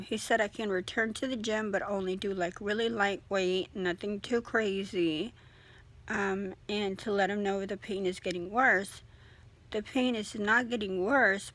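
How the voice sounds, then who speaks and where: Young adult woman, casual vlogger, medium pitch, slightly restricted articulation as if talking with a sore jaw. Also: fairly bright tone. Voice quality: slightly impeded speech from a sore, stiff jaw that barely opens. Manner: talks with a sore jaw, mouth held fairly closed. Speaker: vlogger giving a surgery recovery update. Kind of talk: casual video diary chat.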